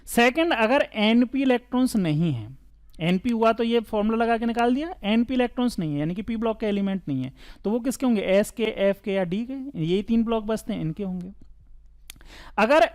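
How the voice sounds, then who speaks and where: A man's voice: high-pitched, expressive, fairly quick, a little mellow, clear, resonant tone. A man teaching chemistry at a board in a casual, chatty way, asking the class questions and answering them himself. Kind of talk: board lesson.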